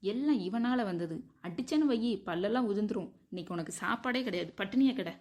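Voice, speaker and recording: A woman playing a sharp-tongued mother who scolds her bickering children in a comic skit. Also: mid-range voice, animated, fast, close to an everyday voice. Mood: scolding. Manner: scolding, threatening. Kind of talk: comic family skit acting.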